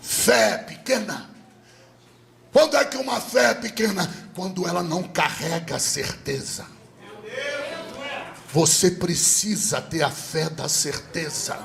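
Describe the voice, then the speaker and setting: A male Brazilian Pentecostal pastor preaching, who swings from loud sing-song shouting to low, intimate teaching. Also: takes it slowly, gravelly, long pauses, crowd noise. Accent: Brazilian Portuguese. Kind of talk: Pentecostal sermon. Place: rooftop church service.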